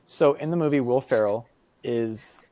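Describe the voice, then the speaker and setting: A young American man, a podcast guest, telling casual stories in an animated way, acting out quoted voices between many fillers. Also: medium pitch, unhurried, no echo. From United States. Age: young adult. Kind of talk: casual storytelling.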